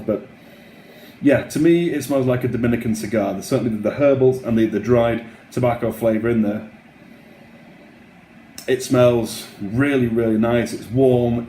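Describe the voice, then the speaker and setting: Mellow-voiced man in a roomy, echoey space. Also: mid-range voice. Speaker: wine tasting host. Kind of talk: casual wine tasting commentary. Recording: roomy echo, faint background noise.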